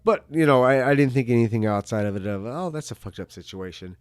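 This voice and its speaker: A middle-aged man in a casual, rambling monologue as a video host, halting and repeating words, with some casual swearing. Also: medium pitch, clear, resonant tone, dry recording, studio quality. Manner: casually foul-mouthed. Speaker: video host answering viewer questions.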